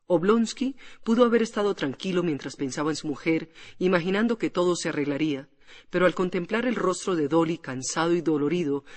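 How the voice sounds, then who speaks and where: A man narrating a classic novel as an audiobook in a measured storytelling manner. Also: on the high side. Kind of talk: scripted literary narration. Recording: long hall reverb.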